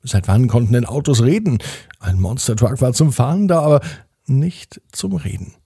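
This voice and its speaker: A man narrating a bedtime story in a gentle, expressive way. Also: mid-range voice, moderate pace, creaky, husky, no echo, clean studio sound.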